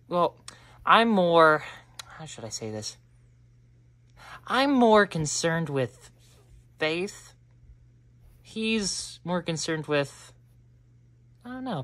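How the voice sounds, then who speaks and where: A woman delivering a rambling comedic monologue. She keeps interrupting herself and swings between muttering and loud outbursts. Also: low-pitched, no room sound.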